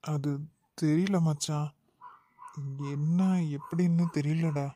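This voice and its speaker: A man's voice: on the high side, steady tone, takes it slowly, mellow, a little hiss or hum. A man voicing a guilt-ridden young man in a cartoon who laments and reproaches himself, with a Kanyakumari Tamil accent. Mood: guilty. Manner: despairing, self-reproaching. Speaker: cartoon character.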